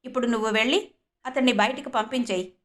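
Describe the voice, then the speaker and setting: A woman's voice: a little high, quick pace, fairly bright tone, lightly acted. A woman voicing an arrogant, dismissive male general manager.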